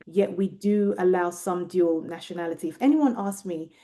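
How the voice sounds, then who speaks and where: Low and dark-toned, this British-accented voice belongs to a British Nigerian researcher being interviewed as a guest. Her reflective answers come with frequent pauses and many restarts while she gropes for words.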